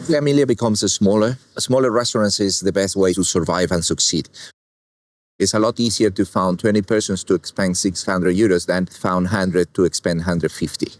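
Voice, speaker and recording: Calm chef from Argentina, low voice. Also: male voice, no echo. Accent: Argentine Spanish. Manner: unhurried, plain non-native English with calm explaining. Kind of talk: cooking demonstration with commentary.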